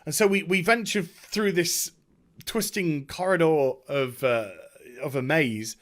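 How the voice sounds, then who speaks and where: His voice sits fairly high and a bit bright as he gives a casual spoken recap for a gaming video. Enthusiastic and emphatic, he rambles in halting bursts while hunting for the next phrase.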